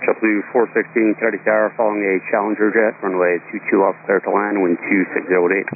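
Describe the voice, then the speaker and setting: A man's voice: fairly low pitch, little pitch movement, quick pace. A man working as an air traffic tower controller, giving terse, procedural instructions with numbers read digit by digit over a crackly radio. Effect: crackly radio transmission. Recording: crackly, noisy, narrowband aviation radio.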